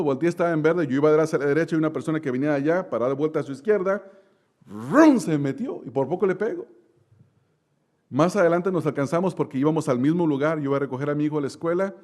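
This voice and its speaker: A male pastor preaching a sermon, slowing down to stress key words, asking the congregation questions and telling a lively story with sudden loud bursts. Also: a little high. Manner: preaching with slow drawn-out emphasis and direct questions to the congregation.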